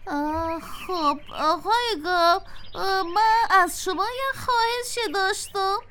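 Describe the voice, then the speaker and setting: A woman's voice: very high-pitched, bright, forceful tone, a little hiss or hum, voice pushed up. A woman voicing a sad young male turkey who hates his own voice, whiny and sighing. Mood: pleading. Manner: whiny, sighing, self-pitying.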